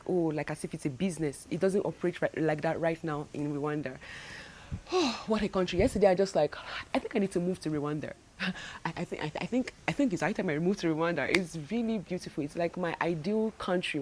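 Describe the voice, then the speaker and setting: A woman's voice: lowish voice, darkish tone, a little hiss or hum. A young Nigerian woman with a Nigerian accent, talking casually to camera in a travel vlog, chatty and full of restarts. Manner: chatty, many restarts and repeated words. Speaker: travel vlogger.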